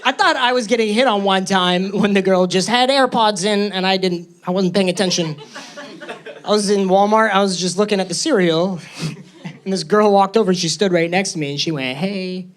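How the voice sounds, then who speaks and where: A man's voice: high voice, moderate pace. A man doing a stand-up comedy set on a club stage, telling self-deprecating stories in a nervous way into a handheld mic. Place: comedy club stage before a live audience. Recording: live show with loud crowd laughter.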